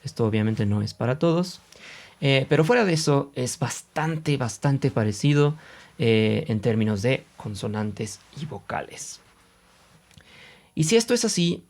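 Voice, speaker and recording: A man's voice: medium pitch, a little mellow. A man with a central Mexican accent teaching Japanese pronunciation in a casual, explanatory video lesson, with many fillers, often sounding out examples aloud. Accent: Mexican Spanish.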